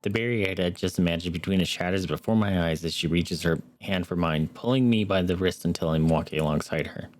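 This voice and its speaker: Deep-voiced man reading a game aloud. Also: fairly quick, few pauses, soft background music. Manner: earnest reading with wry asides. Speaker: streamer. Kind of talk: reading a visual novel aloud with commentary.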